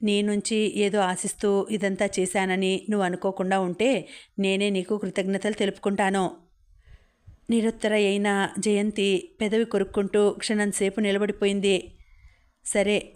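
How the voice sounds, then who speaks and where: A woman reading a novel aloud as an audiobook, narrating in an even, unhurried way with the characters' lines read inside the story. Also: medium pitch. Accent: Telugu.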